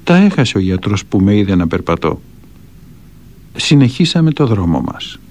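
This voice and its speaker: Lively, low-voiced man reading spiritual stories. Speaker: reader of a monk's teachings. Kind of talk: narrated reading of spiritual anecdotes and counsel.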